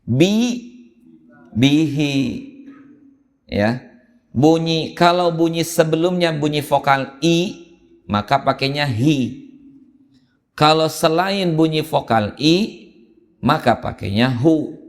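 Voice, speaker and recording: A man teaching Quran reading in a mosque, explaining patiently and chanting drawn-out examples. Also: on the high side, animated. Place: mosque hall. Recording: long hall reverb in a mosque.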